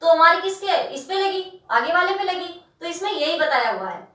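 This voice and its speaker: Bright-voiced woman teaching in an echoey room. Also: extremely high pitch, lively intonation, recorded from a distance. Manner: patient, drawn-out syllables, keeps checking in with students. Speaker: Hindi grammar teacher. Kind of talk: classroom lesson explaining spelling.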